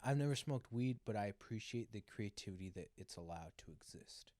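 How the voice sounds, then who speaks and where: A man's voice: lowish voice, expressive, brisk, a little mellow, dry recording, clean studio sound. A young man co-hosting a podcast, chatting casually in a slangy, joking way and acting out little quotes. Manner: laid-back, slangy, jokey, acts out quotes. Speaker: podcast co-host. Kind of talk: casual chat.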